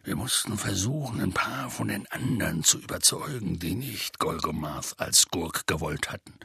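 Hagrid, a gravelly deep giant. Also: male voice, normal speed, pushed and bright, no room sound, clean studio sound, exaggerated voice. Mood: gruff storytelling. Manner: rough, folksy storytelling with curses. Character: huge gruff half-giant gamekeeper, rough and warm-hearted. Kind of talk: audiobook character voice.

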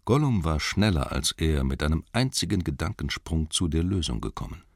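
A male narrator reading a fantasy story aloud in an expressive, dramatic style. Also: very deep voice, normal speed, gravelly, no room sound, clean studio sound. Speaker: audiobook narrator. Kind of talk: audiobook reading.

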